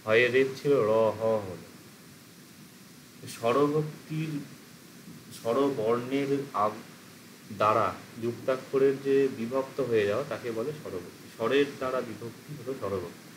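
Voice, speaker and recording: A man's voice: medium pitch, measured pace, pauses often, slight background noise, rough recording. A man teaching an exam-prep class. He explains step by step and asks and answers his own questions.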